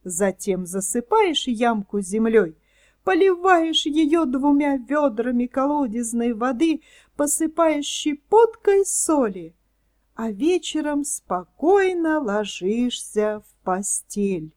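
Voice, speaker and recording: A woman voicing a sly, scheming fox swindler in a storybook reading, talking smoothly and persuasively. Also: sits high, very animated, takes it slowly, a little mellow, exaggerated voice. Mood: coaxing.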